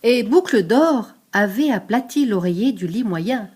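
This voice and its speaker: Older woman, storybook reading, higher voice, lively, explains words. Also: unhurried, slightly rough. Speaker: grandmother reading to a grandchild. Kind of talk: reading a picture book aloud.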